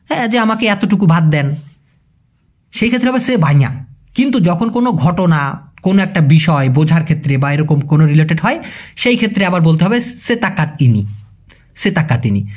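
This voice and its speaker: A man's voice: sits high, breathy edge. A man teaching a language in a casual video lesson, patiently explaining and repeating key terms and quizzing his viewers.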